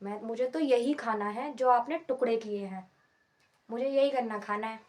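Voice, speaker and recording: A woman doing a grown man playing a fussy little boy in a storybook tale, high-pitched and whining. He turns down every offer with insistent refusals. The pleading sits up in a bright, high register. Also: normal speed, close to an everyday voice. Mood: stubborn whining. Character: Birbal acting as a stubborn crying boy.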